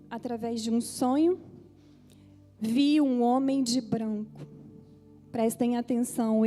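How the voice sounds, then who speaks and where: A woman's voice: on the high side, dark tone. A woman pastor with a Brazilian Portuguese accent preaching a testimony sermon, talking straight to the congregation with feeling. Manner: emotional storytelling, addresses the congregation directly.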